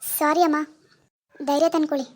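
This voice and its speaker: A gentle village doctor played by a woman speaks in a very high, measured voice. The tone is calm and apologetic, in a homemade village drama. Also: close to an everyday voice.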